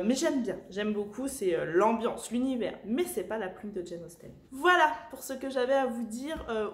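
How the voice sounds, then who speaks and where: Chatty woman in an echoey room. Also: on the high side. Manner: chatty, many filler pauses. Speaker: book vlogger. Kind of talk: casual vlog chat. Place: home.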